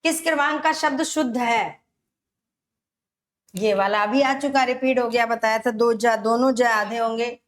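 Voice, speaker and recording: A woman teaching Hindi grammar for an exam, explaining step by step and repeating words slowly. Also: fairly high pitch. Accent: Rajasthani Hindi. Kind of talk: exam-prep grammar lesson.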